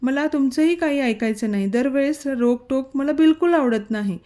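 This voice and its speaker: A woman's voice: sits high, normal speed, close to an everyday voice. Fussing caring young wife, read by a woman. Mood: annoyed. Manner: soft, fussing.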